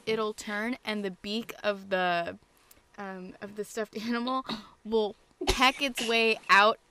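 A woman's voice: medium pitch, pushed and bright, clear, resonant tone. A woman co-hosting a podcast in casual chat, swearing lightly and laughing often. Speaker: podcast co-host.

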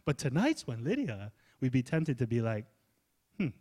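A man preaching a sermon in a loose, conversational way, acting out little asides and building up to energetic emphasis. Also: mid-range voice, moderate pace. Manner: loose, casual phrasing with fillers. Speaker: pastor.

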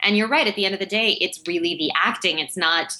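A woman's voice: mid-range voice, quick pace, pushed and bright. A woman, a guest voice actor, talking earnestly and at length in a podcast interview. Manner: earnest, explains at length with many fillers.

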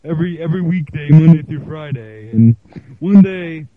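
A man's voice: a little high, moderate pace, narrow, tinny audio. A man speaking as the boastful frontman guest in a comic mock interview.

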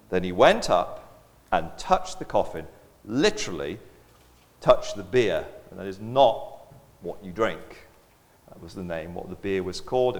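A man preaching with a lively, rising and falling voice, acting out the imagined voices of a confused crowd. His words ring out with a long reverb through a church hall, as a pastor's sermon from the pulpit. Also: sits low.

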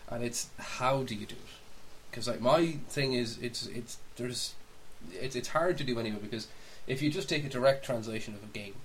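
A podcast co-host thinks aloud while casually discussing films and games, rambling and opinionated. He speaks at a moderate pace in a medium-pitched voice with hardly any pauses, and the rough recording carries clear background hiss.

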